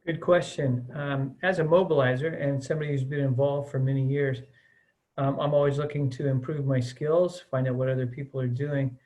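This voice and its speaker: A middle-aged American man, a missions mobilizer, appears as a guest in a relaxed interview, chatting earnestly with lots of "uh" and "um." His mid-range voice is steady and a little mellow, his pace fairly quick, and the recording rough.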